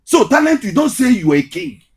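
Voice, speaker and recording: Man, Nigerian Igbo accent, very lively intonation, rough-edged voice, emphatic repetition, comedian being interviewed. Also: very high voice, brisk. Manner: emphatic, repeats phrases for effect. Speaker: guest, comedian and skit maker. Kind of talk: animated interview storytelling.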